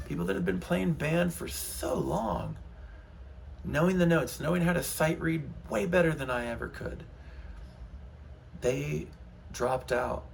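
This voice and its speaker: Guitar teacher, male, 30s, gravelly, rambling and frank, faint hiss behind. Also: mid-range voice. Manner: rambling, frank, heated at times. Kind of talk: casual spoken guitar lesson.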